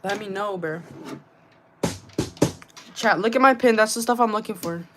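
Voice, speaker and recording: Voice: medium pitch, normal speed, over music. A young streamer chatting casually to viewers in slangy bro-talk, repeating short phrases over and over. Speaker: live streamer. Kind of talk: casual livestream chat with viewers about game trading.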